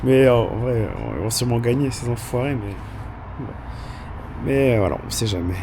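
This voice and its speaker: A young man with a hoarse voice, chatting casually in a vlog and laughing often. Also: medium pitch, normal speed, warm tone, a little hiss or hum. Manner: laughs often, mixes French and English. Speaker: vlogger. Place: small room indoors.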